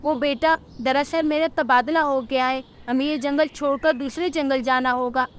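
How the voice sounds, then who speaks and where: A woman's voice: high-pitched, fairly even intonation, moderate pace, close to an everyday voice. A woman voicing a worried, caring mother bird in a cartoon story. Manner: fond, fretful scolding.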